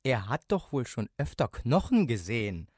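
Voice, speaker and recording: An older grandmother, slow and gently coaxing, as a man puts her on. Her words come drawn out and soft-edged. The sound is dry and close. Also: medium pitch, very animated, husky, dry recording.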